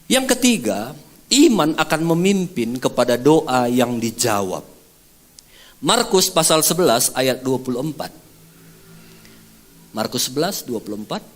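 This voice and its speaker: A male pastor preaching a sermon, animated and acting out scenes. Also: unhurried, pauses often. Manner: animated, acting out scenes with big pitch swings.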